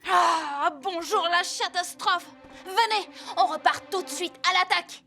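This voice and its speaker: A woman's voice: very high-pitched, unhurried, creaky, sharp tone, heavily acted. A woman voicing an impulsive, bold young child hero leading the team in a cartoon, urgent and confident. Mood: eager. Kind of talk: dubbed cartoon acting. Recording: cartoon soundtrack with music behind.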